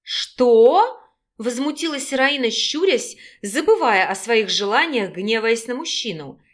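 Higher-voiced woman narrating an audiobook. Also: lively intonation, normal speed, fairly bright tone. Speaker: audiobook reader.

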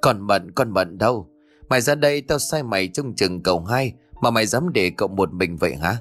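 A man's voice: on the low side, animated, normal speed, faint music behind, natural voice. A man voicing an angry old village official in a ghost story reading. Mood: furious.

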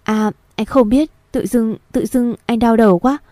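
Storybook: a woman reading a calm reassuring young husband, warm tone, dry. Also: on the high side, moderate pace, dry recording, natural voice. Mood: soothing.

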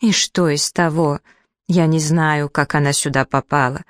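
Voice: fairly even intonation, unhurried, no echo, clean studio sound, close to an everyday voice. A reader voicing an indignant, plump middle-aged widow who makes theatrical complaints. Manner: shrill outrage, theatrical complaints.

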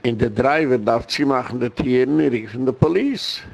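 Gravelly, indignant rabbi lecturing. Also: male voice, fairly quick. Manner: heated and indignant, with sudden high outbursts. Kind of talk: informal community lecture.

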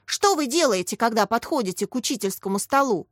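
Женщина озвучивает бойкого школьника-спорщика. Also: female voice, fairly high pitch, lively intonation, a little fast, no room sound, studio quality, natural voice. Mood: excited. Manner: eager, argumentative, exclaiming. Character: chatty clever schoolboy who loves arguing.

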